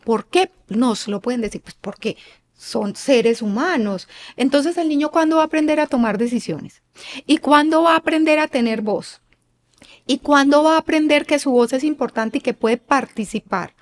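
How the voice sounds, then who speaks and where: This high-pitched woman speaks at normal speed as a guest expert on child rearing, earnestly explaining parenting in an interview. Her didactic delivery includes acting out parents and children and posing rhetorical questions to listeners.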